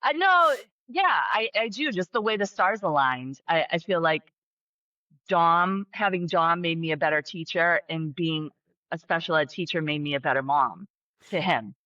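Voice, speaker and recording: A lowish-voiced woman speaks at a moderate pace in a dry recording with a dull, muffled quality. She's a special education teacher chatting as a podcast guest, and her casual interview talk is peppered with fillers, restarts and bursts of excitement.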